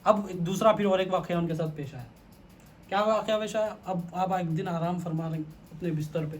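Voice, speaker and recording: High-voiced man telling a religious story. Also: a little hiss or hum. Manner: colloquial, repetitive storytelling. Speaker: religious lecturer.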